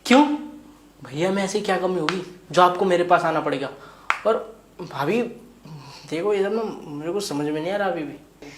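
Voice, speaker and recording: Low-voiced flustered young guy protesting, a woman doing him, echoey room. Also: normal speed, pauses often, a little hiss or hum, natural voice. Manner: protesting, exclaiming, preachy. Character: young man, flustered brother-in-law. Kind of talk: Hindi web series dialogue.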